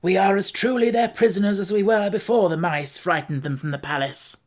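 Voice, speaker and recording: A woman voicing a calm, wise male scarecrow who speaks quietly and thoughtfully. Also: medium pitch, brisk, pitched above the performer's own voice, close to an everyday voice.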